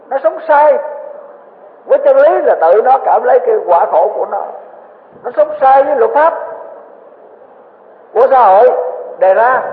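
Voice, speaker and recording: A man giving an earnest, animated Buddhist dharma talk, asking rhetorical questions as he teaches. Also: high-pitched. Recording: echoey hall, tinny phone-like sound.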